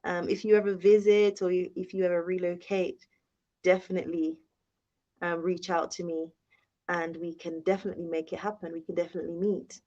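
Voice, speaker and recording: A woman's voice: on the low side, flat delivery, a little fast, mellow. Chatty woman on a dull phone stream. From United Kingdom. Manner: chatty, reads viewer comments aloud, thanks viewers often. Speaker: vlogger hosting a live Q&A. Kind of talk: casual live-stream chat. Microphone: phone held in hand. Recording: dull lo-fi live-stream audio.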